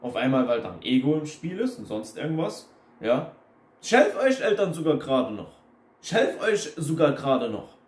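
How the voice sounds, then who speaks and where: Speaking at normal speed in a fairly high, sing-song voice, a young self-help video host lectures bluntly to camera. The monologue is casual and repetitive, sprinkled with English phrases, and the room sounds echoey.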